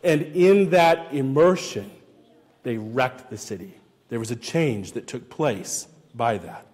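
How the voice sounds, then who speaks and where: A man's voice: medium pitch, lively intonation, slow, a little mellow. A man pastor giving a teaching sermon, explaining patiently and often repeating words as he restarts. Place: church sanctuary. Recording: long church hall reverb.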